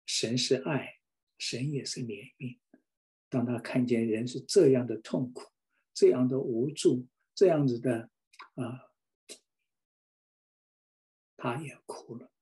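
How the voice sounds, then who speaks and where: A middle-aged man delivers a sermon with fervent feeling. He circles back and repeats key phrases for emphasis. His voice sits at an ordinary middle pitch. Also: takes it slowly, long pauses, dark tone. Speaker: preacher.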